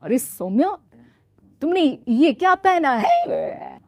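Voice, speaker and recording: A woman's voice: high-pitched, wildly swooping pitch, slow pace, gravelly, no room sound, voice pushed up, full character voice. Woman voicing an exasperated young husband. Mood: puzzled.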